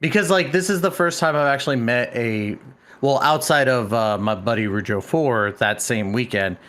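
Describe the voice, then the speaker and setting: A man hosting a podcast, telling a long story in a rambling, animated way and swearing freely. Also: mid-range voice, normal speed. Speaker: podcast host. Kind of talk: casual storytelling chat.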